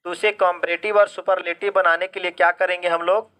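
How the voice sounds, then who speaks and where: In a live online class, a man explains English grammar in Hindi, mixing in English phrases, answering his own questions, and constantly checking if students follow. His voice sits high and sounds pushed, bright, and smooth, delivered fairly quickly yet flatly.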